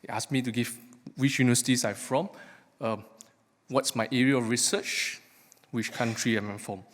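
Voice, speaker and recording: Male academic presenter, emphatic lightning-talk delivery with questions put to the room, mid-range pitch, long hall reverb. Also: steady tone, moderate pace. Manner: questioning, engages audience with rhetorical questions. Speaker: academic researcher giving a talk. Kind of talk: live lightning talk to an audience. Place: large hall, speaking to a live audience.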